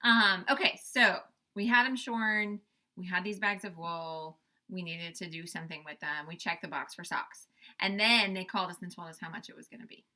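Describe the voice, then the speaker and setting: A woman's voice: on the low side, moderate pace, sharp tone. A young adult woman, a farm host, tells a story in a casual, chatty way. She laughs often and uses lots of fillers. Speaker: farm owner and show host.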